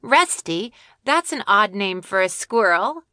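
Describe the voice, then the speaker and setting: A woman's voice: mid-range voice, expressive, unhurried, bright, forceful tone, no room sound, studio quality. A woman voicing a spirited twelve-year-old girl in a children's audiobook, earnest and a little defensive. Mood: curious.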